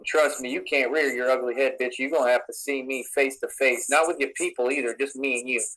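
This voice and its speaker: Bright-voiced, profane ranting man. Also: medium pitch, steady tone, brisk, rough recording. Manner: profane, threatening, swaggering. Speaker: YouTuber in played clips. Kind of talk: aggressive ranting.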